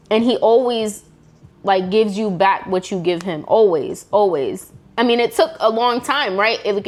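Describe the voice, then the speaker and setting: A woman speaking to camera in an earnest, emotional personal faith testimony, casual and full of slang. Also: medium pitch. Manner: earnest, fervent, casual slang-filled talk. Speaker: vlogger sharing a faith testimony. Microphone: camera mic.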